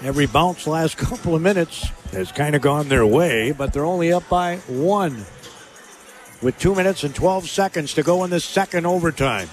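Excited high-voiced basketball radio announcer. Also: male voice, soft background music. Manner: rapid excited calling, shouting on big plays. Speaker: play-by-play announcer. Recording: radio broadcast.

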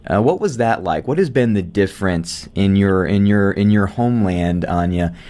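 A man's voice: low-pitched, animated, moderate pace, warm tone. A man hosting a live radio talk show from a studio, chatting in a friendly, conversational way with the odd filler word. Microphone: studio microphone.

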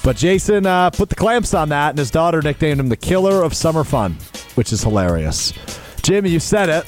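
A man's voice: fairly high pitch, sing-song, normal speed, faint music behind. A man hosting a radio segment in an upbeat, announcer-like way.

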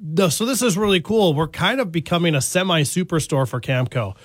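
A man's voice: on the high side, animated, a little fast, dry recording. A man, a retail store guest on a local radio show, talking casually and laughing easily at himself. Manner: chatty, laughs easily, self-deprecating. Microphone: studio mic.

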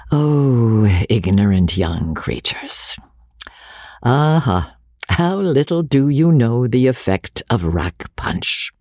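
A man's voice: mid-range voice, creaky, a little mellow, husky, dry recording, clean studio sound. A man narrating a classic novel aloud with a dramatic, swooping delivery. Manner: dramatic, swooping delivery with many character voices. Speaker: audiobook narrator. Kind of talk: expressive literary narration.

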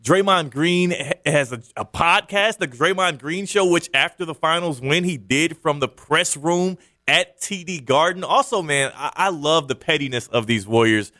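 A man's voice: a little high, normal speed, few pauses, sharp tone, dry recording. A man co-hosting a sports talk radio show, talking emphatically with playful trash talk in a radio studio.

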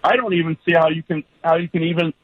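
A male caller heard over the phone, his voice high and husky through a dull, muffled line. He speaks emphatically and sounds indignant, pressing his point hard. The sound is dry and close. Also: steady tone, fast, no room sound. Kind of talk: call-in radio talk.

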